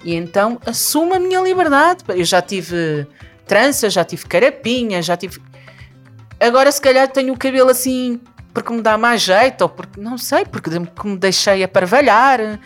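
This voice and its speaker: A woman's voice: on the high side, expressive, moderate pace, soft background music. A woman from Portugal, talking animatedly as a guest in a conversation, often restarting and laughing. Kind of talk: conversational discussion.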